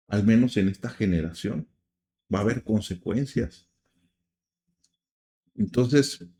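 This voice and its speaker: A middle-aged Mexican man hosting a program of earnest religious commentary, often restarting his sentences and filling pauses. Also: mid-range voice, dark tone. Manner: earnest, with frequent restarts and fillers. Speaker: program host.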